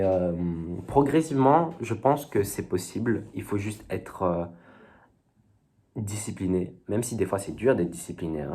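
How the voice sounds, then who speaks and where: This young man's voice is lowish and somewhat dark as he chats to his viewers on camera. His vlog talk is rambling and hesitant, packed with fillers and youthful slang.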